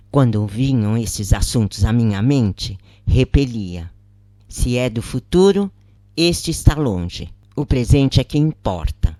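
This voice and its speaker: A mellow, mid-range narrator's voice, carrying a Brazilian accent, works through a scripted first-person spiritual account with deliberate, measured pacing and short breaks between phrases. The recording is dry and studio quality.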